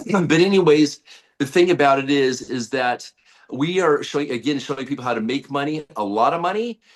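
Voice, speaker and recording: Rambling man, mid-pitched, hyped sales pitch over a video call. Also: animated, normal speed. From United States. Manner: rambling, many fillers and restarts, hype-driven. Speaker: guest, network-marketing leader.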